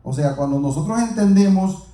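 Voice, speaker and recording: A man's voice: sits high, animated, normal speed, mellow. A man preaching a sermon, speaking earnestly and repeating himself as he addresses the congregation directly. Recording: roomy echo, mic far off.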